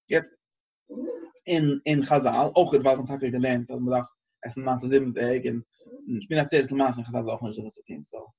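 A husky-voiced man teaches a Torah class, thinking out loud and circling back over his words as he reasons. The recording is dull and lo-fi. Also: medium pitch. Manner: halting, searching, repeats phrases while reasoning.

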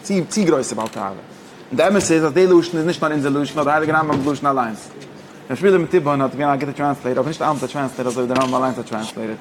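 A man teaching an informal text study lesson, halting and restarting often, mixing languages. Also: medium pitch, background noise. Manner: halting, mixes languages, many fillers and restarts. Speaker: teacher of religious texts.

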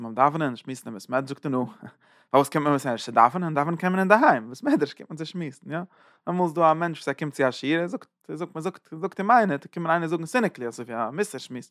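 A man giving a rambling, animated Torah talk in Yiddish-laced speech, with frequent restarts. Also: mid-range voice, no echo, clean studio sound. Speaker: Torah teacher.

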